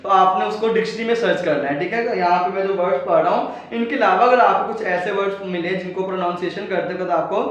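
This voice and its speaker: Male English teacher, fairly high voice, patient and repetitive, spells words out; booming room echo, mic set well back. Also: fast, few pauses. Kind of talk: recorded video lecture. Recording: very echoey room, distant mic, dull sound.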